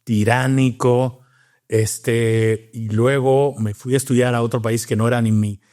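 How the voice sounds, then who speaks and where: A Cuban man who is a doctor and scientist tells his story in a casual interview. His mid-range voice is mellow and fairly flat in pitch, his pace unhurried, and he sounds reflective, with many fillers and restarts.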